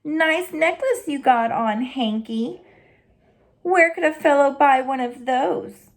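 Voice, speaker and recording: A woman's voice: high voice, slow pace, pitched above the performer's own voice. A woman voicing a lazy, mocking male barn cat who speaks in a sly, teasing way.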